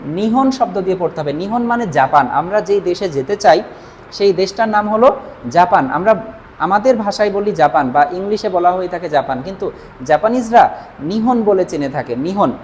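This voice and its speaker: A woman whose first language is Bengali, teaching a language lesson at a whiteboard, patiently repeating each reading slowly as she writes. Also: fairly low pitch, animated, a little mellow, a little hiss or hum.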